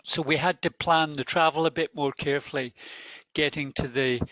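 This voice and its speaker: A man giving an informal testimonial as a host, speaking in a measured, hesitant, understated way. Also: a little high, steady tone, a bit bright, dry recording, low-quality recording.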